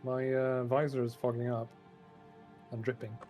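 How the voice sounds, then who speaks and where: Mid-pitched man in relaxed game chat. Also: normal speed, soft background music. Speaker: video game player. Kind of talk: casual gameplay chat with friends.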